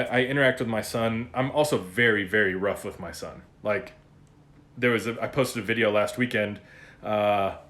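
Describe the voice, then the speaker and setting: A man hosting a podcast, talking in a blunt, profane and animated casual monologue about raising his kids. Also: on the low side. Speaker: podcast host.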